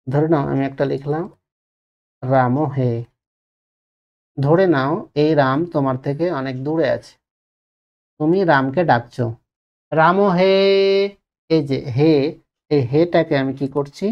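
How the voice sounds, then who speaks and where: A man's voice: fairly high pitch, darkish tone, highs cut off. Male teacher, West Bengal Bengali accent, exam-prep lesson, repeats himself, asks and answers his own questions. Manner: drags out vowels to demonstrate.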